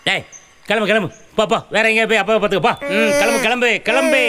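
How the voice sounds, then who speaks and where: An actor playing a fussy, soft-hearted comic older man who scolds and coaxes. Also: high-pitched, quick pace, lightly acted. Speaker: elder uncle figure.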